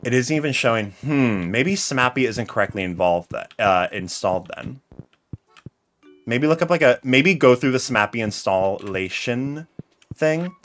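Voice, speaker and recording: Unhurried and mid-range, a young man from the United States streams his gaming live from a small home room, spinning lively stories and reading viewers' chat out loud as faint game music plays behind him.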